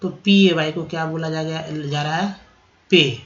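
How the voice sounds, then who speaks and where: A man's voice: a little high, fairly even intonation, a bit bright, muffled recording. A man teaching English vocabulary, spelling words out letter by letter and explaining pronunciation patiently. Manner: spells words letter by letter, repeats them slowly; explains pronunciation rules patiently, asks and answers own questions. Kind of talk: slow spelling-out lesson.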